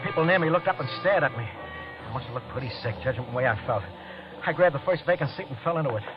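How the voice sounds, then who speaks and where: An expressive, medium-pitched, lightly acted voice tells a first-person 1940s-50s radio thriller from the view of a guilty man running after a killing. The mood is haunted and brooding, the pace tense and hurried, with stammering whenever he's questioned. It comes through a dull old broadcast with music.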